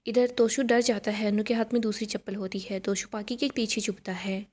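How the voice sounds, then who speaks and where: A woman's voice: medium pitch, level tone, a little fast, darkish tone. A woman narrating a recap of a television serial in plain storytelling, reading every part herself.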